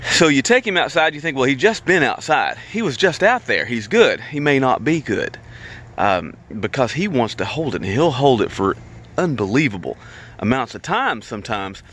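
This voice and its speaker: A man's voice: mid-range voice, very animated, normal speed, fairly bright tone, slight background noise. A man in his forties chatting to a handheld camera in a casual vlog, explaining things as he goes. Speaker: vlogger. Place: inside a car and outdoors. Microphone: handheld camera at arm's length.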